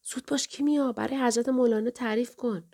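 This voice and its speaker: Flustered nervous dad as a woman reads him, pitched up, hurried. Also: steady tone, warm tone. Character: anxious father, flustered, eager to please. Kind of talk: audiobook character reading.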